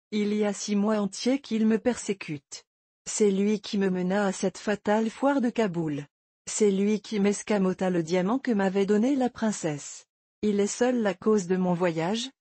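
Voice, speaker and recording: A woman's voice: medium pitch, mellow, husky, no room sound. A woman voicing a dying young man who is bitter and reproachful, in an audiobook reading with indignant questions.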